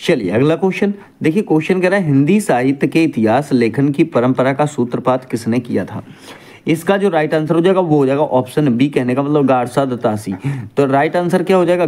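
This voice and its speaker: Lively Hindi exam-prep teacher, man. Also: mid-range voice. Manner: repeats each point as a question to students; calls students "dear children".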